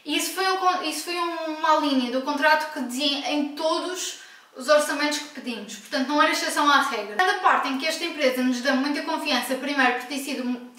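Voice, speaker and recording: A Portuguese woman with a European Portuguese accent vlogs casually at home, speaking frankly and emphatically and correcting herself as she goes. Her voice is high, brisk, pushed and bright, recorded from a distance in an echoey room.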